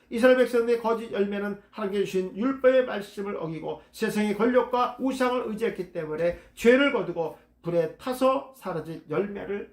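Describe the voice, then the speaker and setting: A man's voice: sits high, echoey room. A man leading a Bible study lecture, reading passages aloud and explaining words, often repeating key terms. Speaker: Bible teacher.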